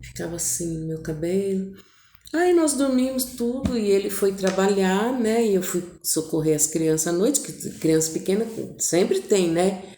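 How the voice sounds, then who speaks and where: A woman telling her viewers a personal family story in an intimate, animated way, acting out what each person said. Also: medium pitch, moderate pace, a little hiss or hum. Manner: intimate, animated retelling with voiced quotes. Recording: echoey room.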